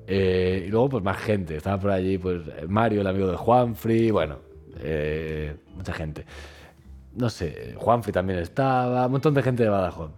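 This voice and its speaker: A man's voice: low voice, moderate pace, soft background music. A man, co-hosting a casual chat podcast and telling a dream story, acting out the crowd's voices. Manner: animated storyteller, acts out crowds. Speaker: podcast co-host.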